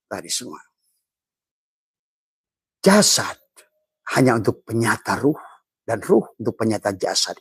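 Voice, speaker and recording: A middle-aged man preaching a mystical sermon, chuckling often and breaking into sudden high, loud bursts for emphasis. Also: slightly rough, no echo. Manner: playful, chuckles often between points. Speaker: Sufi religious teacher.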